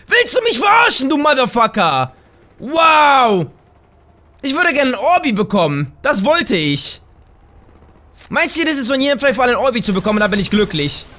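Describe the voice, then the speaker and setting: A man with a bright, sharp voice talks viewers through his gameplay as a let's play host. He is chatty and excitable, and often bursts into loud shouts and exclamations. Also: very high voice. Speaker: gaming channel host.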